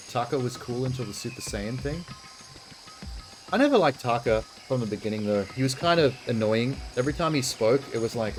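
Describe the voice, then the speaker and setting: Man doing blunt game commentary over music. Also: lowish voice. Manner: reacts exasperatedly, blunt asides. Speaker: host of a video game playthrough. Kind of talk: casual game commentary with read-aloud text. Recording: music behind the voice.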